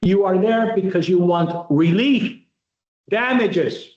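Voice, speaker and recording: Male law lecturer, high-pitched, direct and repetitive coaching style; roomy, slightly muffled recording. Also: a little mellow. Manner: varies pace, slowing sharply for emphasis. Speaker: law lecturer coaching moot court students.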